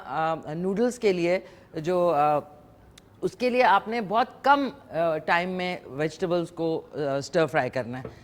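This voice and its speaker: Woman tv host cooking live, chatty and teasing, talks to callers, clip-on mic in a studio kitchen. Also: mid-range voice. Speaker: morning show host and cooking presenter. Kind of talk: live TV chat and cooking demonstration.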